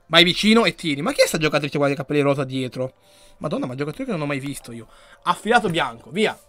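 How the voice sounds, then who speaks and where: A man giving live commentary while he plays a video game. He reads the chat aloud and yells and swears when the game goes wrong. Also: fairly high pitch, very animated, quick pace, no echo, soft background music. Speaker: gaming streamer.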